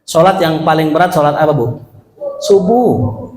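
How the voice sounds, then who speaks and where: A man's voice: on the high side, big pitch swings, moderate pace, darkish tone, slight background noise. A man preaching a joking sermon in a mosque, addressing the congregation directly. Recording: echoey mosque hall.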